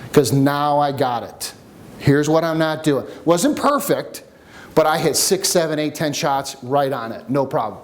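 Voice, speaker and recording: A man coaching a workshop group, teaching with jokes and a personal story in an animated way. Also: a little high. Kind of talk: seminar teaching with stories. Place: room with a live audience.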